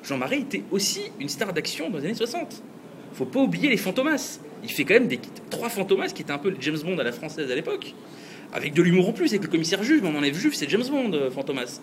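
A man's voice: high-pitched, very animated, quick pace, a little hiss or hum. A man hosting a podcast, talking casually and chattily and laughing often. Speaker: podcast host.

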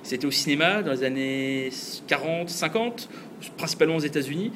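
A man with a somewhat high voice hosts a casual podcast chat and talks easily at length. He laughs often. Faint ambient hiss sits under his voice. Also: lively intonation, brisk, fairly bright tone. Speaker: podcast host.

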